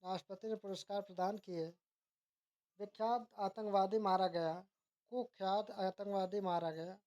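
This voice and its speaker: With the high frequencies cut off, a woman's mid-range voice steadily works through a grammar exercise as a teacher. Each faulty sentence is read aloud before its correction, and she sometimes halts mid-word to set a word right.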